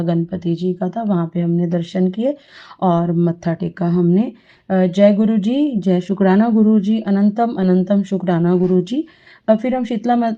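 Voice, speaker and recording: A middle-aged woman sharing a personal devotional experience in an earnest, rambling, reverent way. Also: fairly low pitch. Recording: dull lo-fi audio.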